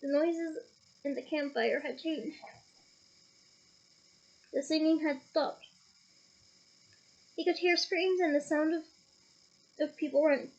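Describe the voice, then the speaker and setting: A woman's voice: sits high, fairly even intonation, slow pace, long pauses. A woman reading a novel aloud, casually stopping to comment on the story, on a dull, lo-fi home recording. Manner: casual, stops to comment and laugh. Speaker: audiobook reader.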